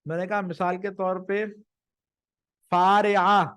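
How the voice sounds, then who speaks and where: A man giving a live grammar lesson, who explains patiently, slows down to stress each word of a definition and keeps checking with his listeners. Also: high-pitched, no echo. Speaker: teacher.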